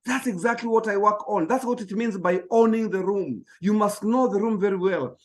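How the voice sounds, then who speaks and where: A high-voiced man gives a motivational talk about public speaking at a moderate pace. He's emphatic, pounding on key phrases and frequently stumbling over small words as he presses forward.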